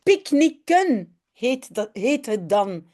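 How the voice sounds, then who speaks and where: A woman voicing a patient mother in a children's storybook, explaining things gently. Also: a little high, big pitch swings, slow pace.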